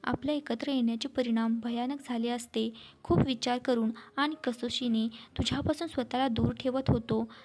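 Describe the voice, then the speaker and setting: Woman reading gentle middle-aged man, soft, reflective, storybook, light higher voice. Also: steady tone, normal speed, lightly acted. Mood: tender.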